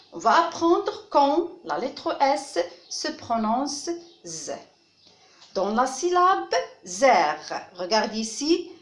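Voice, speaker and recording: Her pitch on the high side, a female primary school teacher with a North African French accent teaches kids phonics in an echoey room. She goes slowly and carefully, saying each word more than once so the children can hear how it should sound.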